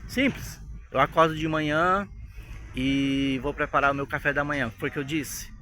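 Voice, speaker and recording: A Brazilian man with a Brazilian Portuguese accent, telling a story as an English teacher in a chatty, animated way. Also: a little high, moderate pace, slight background noise. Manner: chatty, animated, keeps asking "né?". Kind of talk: storytelling lesson to camera.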